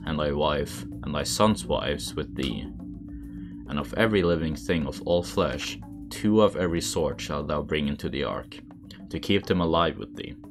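A man reading scripture aloud in a monotone manner. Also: a bass voice. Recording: background music under the voice. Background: music.

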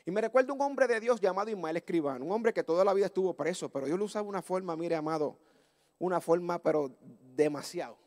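A male pastor, preaching a fervent Pentecostal sermon through a story that builds to loud exclamations. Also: high voice, quick pace. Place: church service.

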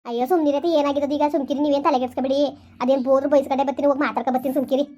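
A woman's voice: high-pitched, fairly even intonation, rapid-fire, mellow, natural voice. An actress playing a young daughter-in-law in a village family drama, reassuring and pleading with her mother-in-law.

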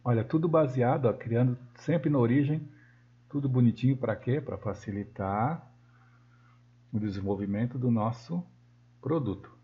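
Brazilian man teaching software, lo-fi sound. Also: medium pitch, moderate pace. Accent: Brazilian Portuguese. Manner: thinks aloud while working, with frequent self-corrections. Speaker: software instructor. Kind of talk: screen-recorded software tutorial. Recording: dull lo-fi sound.

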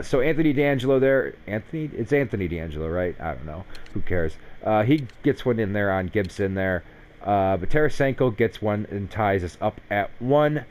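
A young man talks through his hockey video game in a casual commentary style. His voice sits a little low, and he slips easily into sarcasm and frustrated cursing. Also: darkish tone. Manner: frustrated, sarcastic, swears freely. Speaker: gaming YouTuber.

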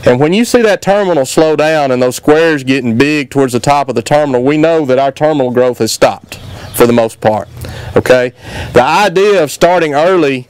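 A man's voice: fairly high pitch, moderate pace, clean tone, no echo. Plainspoken man with a handheld mic. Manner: relaxed, plainspoken, many fillers and restarts. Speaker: extension cotton agronomist. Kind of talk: field day talk to farmers. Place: outdoors at a farm field day, on a trailer. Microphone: handheld microphone.

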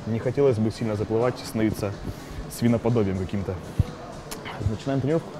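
Male, 20s, quick chatty bodybuilder in a gym, soft music underneath. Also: on the low side. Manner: chatty, addresses viewers directly. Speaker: bodybuilder guest. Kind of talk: casual talk to viewers. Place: indoor gym.

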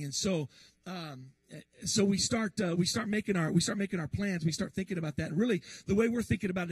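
A middle-aged man preaching from the pulpit, spinning a personal story with lively restarts and acted-out quotes. His voice sits high and a little husky. The sound is dry and close. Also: no echo. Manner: animated, acts out quoted voices, frequent restarts. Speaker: pastor. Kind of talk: storytelling sermon.

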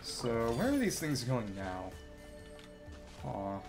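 Slow and medium-pitched, this male streamer's voice swings hugely in pitch as he offers loose live commentary on his game, wandering through his thoughts as he plays. Game music can be heard in the background.

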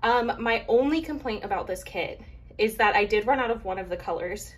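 A woman's voice: medium pitch, brisk, slightly rough. A woman from Arizona chatting casually to camera about a craft kit, rambling with many fillers and a little out of breath. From Arizona, USA. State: slightly out of breath. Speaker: craft vlogger reviewing a kit.

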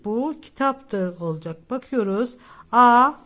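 Slow, careful woman teacher. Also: fairly high pitch, animated, a bit bright. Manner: reads each option aloud, then gives the Turkish meaning. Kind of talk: exam prep lesson walking through test questions.

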